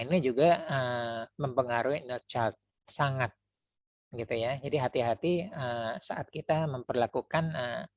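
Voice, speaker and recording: A man's voice: mid-range voice, dry recording. A man lecturing as an NLP trainer, talking through ideas with frequent hesitations and self-corrections. He sometimes slips into other people's voices to illustrate his points. The recording is dry and close. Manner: hesitant, many fillers and restarts; explanatory, acts out parents' voices. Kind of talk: spoken lecture.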